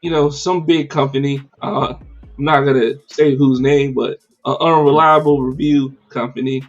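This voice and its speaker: A man hosting a casual livestreamed podcast, talking in an animated, slangy and profane way with many fillers. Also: mid-range voice, normal speed, lo-fi sound. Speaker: podcast host.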